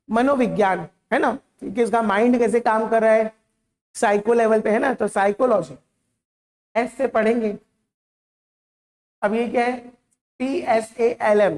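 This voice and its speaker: A woman's voice: on the high side, darkish tone. Patient Hindi-accented woman teaching spelling. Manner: patient, repeats each word and checks in with the class. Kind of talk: classroom lesson.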